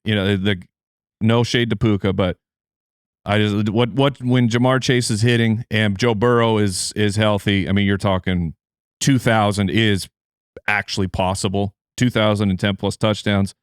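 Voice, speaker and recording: A man's voice: on the low side, steady tone, normal speed, clear, resonant tone, dry recording, studio quality. A man, a fantasy football analyst, chatting casually in an interview with loose, restart-heavy phrasing.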